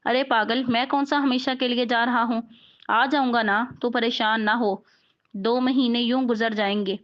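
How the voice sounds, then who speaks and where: A woman narrator voicing a gentle young man who softly reassures, on a dull lo-fi recording. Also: on the high side, steady tone, a little slow, natural voice. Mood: reassuring. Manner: soft, reassuring.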